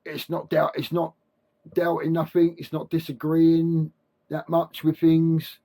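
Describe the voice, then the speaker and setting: A man speaking without his teeth, with soft gummy consonants, giving a halting, repetitive, informal spiritual monologue to camera. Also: fairly high pitch, completely flat delivery. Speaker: self-help video creator.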